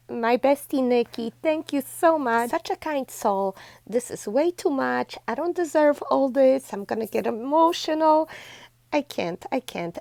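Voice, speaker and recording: A woman's voice: sits high, gravelly, dry recording. A woman hosting a DIY craft tutorial, chatty and effusive toward her viewers, walking through steps one by one. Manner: chatty and effusive, warmly thanking viewers as "besties"; steady step-by-step instructions. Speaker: DIY craft channel host.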